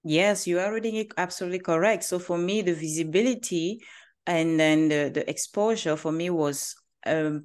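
A woman from Cameroon with a Cameroonian accent, a company founder talking about her life in an interview, earnest and quick to laugh lightly. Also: on the low side. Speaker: guest, agency founder. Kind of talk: interview conversation.

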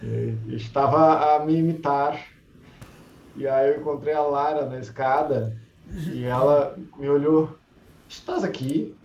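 Gravelly man hosting a book club. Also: a little high, a little hiss or hum. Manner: relaxed, chatty, laughs easily, reads passages slowly. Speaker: host of an online book club. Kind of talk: casual live-stream chat. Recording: roomy, muffled lo-fi sound.

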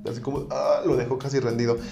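A man's voice: medium pitch, steady tone, fast talker, gravelly. Joking Mexican man hosting a chat. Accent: Mexican Spanish. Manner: joking, playful, slangy, boxing-match commentary voice. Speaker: podcast host. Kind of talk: casual chat. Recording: roomy room with music behind.

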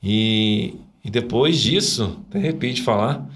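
A man's voice: medium pitch, lively intonation, unhurried, a little hiss or hum. A man, a podcast guest telling a personal faith story in a rambling way, tagging his sentences with little questions. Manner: rambling, frequent "né?" tags, emotional storytelling. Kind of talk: conversational testimony.

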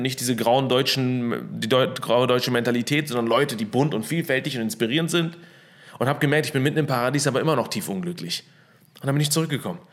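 A young man hosting a casual motivational talk from his apartment into a studio microphone, upbeat, with English phrases mixed into his speech. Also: mid-range voice. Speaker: host.

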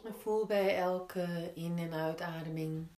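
Slow-speaking woman guiding yin yoga. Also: on the low side, steady tone. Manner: gentle, unhurried step-by-step guiding with pauses. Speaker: yoga teacher. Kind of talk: guided yin yoga instruction. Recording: roomy, echoing indoor sound.

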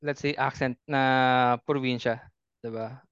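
A man's voice: mid-range voice, steady tone, measured pace, no room sound, lo-fi sound. A man in his thirties from Quezon in the Philippines, hosting a casual podcast chat, talking chattily, mixing in English and laughing often. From Lucena, Quezon, Philippines. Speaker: podcast host.

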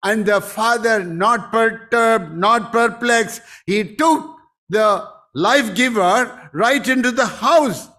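A man's voice: very high voice, slow pace, sharp tone. A man preaching a sermon as pastor, emphatic and rising into exclamations.

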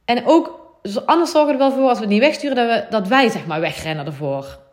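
A woman's voice: fairly high pitch, animated, fast talker. A woman in her thirties with a Dutch accent, hosting a solo podcast in an earnest, confiding way, thinking aloud with many fillers. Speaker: podcast host. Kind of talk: reflective solo podcast talk.

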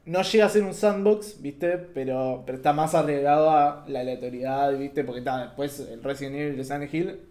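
A man's voice: on the high side, moderate pace, few pauses, darkish tone. A young man leading a casual gaming discussion, agreeable and fond of fillers like "claro" and "viste". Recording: roomy echo.

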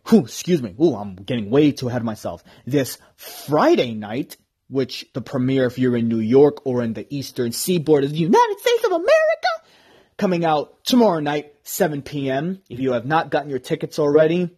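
A man's voice: mid-range voice, darkish tone, slightly rough. A man in his twenties hosting a solo podcast in a casual, rambling way. He is enthusiastic and self-deprecating. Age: 20s. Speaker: podcast host.

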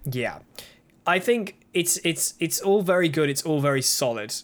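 A man's voice: fairly high pitch, lively intonation, normal speed. A man co-hosting a podcast, chatting casually and enthusiastically while reviewing TV episodes. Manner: enthusiastic, talks over his co-host. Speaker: podcast co-host.

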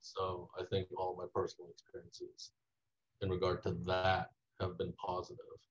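A young man from Taiwan, a student being interviewed, telling a rambling story full of "like" fillers that trails off quietly. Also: deep voice, completely flat delivery, moderate pace, husky. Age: young adult. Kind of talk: casual interview. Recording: dull lo-fi audio.

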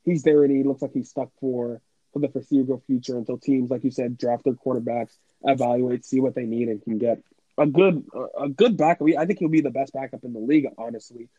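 A man's voice: medium pitch, no echo, dull audio. Chatty man on a sports podcast. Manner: chatty, animated, quick asides. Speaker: podcast co-host. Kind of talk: casual sports podcast chat.

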